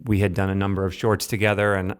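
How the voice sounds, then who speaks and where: A man from Massachusetts, a filmmaker guest, answering in a measured, thoughtful way. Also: low voice, little pitch movement, clear, resonant tone. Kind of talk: casual interview.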